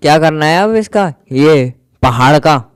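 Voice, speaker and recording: A man's voice: a little high, animated, unhurried, clean tone, dry recording. A man giving casual gameplay commentary in a playful, grumbling, joking way, slipping English words into his talk. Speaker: gaming YouTuber.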